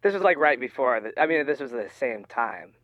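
A man's voice: mid-range voice, expressive, a little fast, dry recording, muffled recording. A man with an electronically disguised voice, chatting casually and teasingly as an interview guest. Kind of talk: casual chat.

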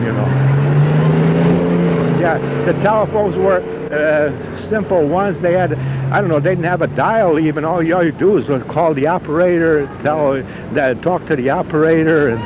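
Man in his late sixties, slightly high voice, halting rambling reminiscence, repetitive, noisy field recording. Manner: halting, repetitive, peppered with "you know".

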